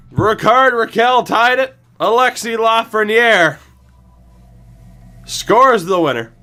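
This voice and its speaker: A man with a high, smooth voice commentates on a video game livestream, talking animatedly to his viewers and repeating phrases for emphasis.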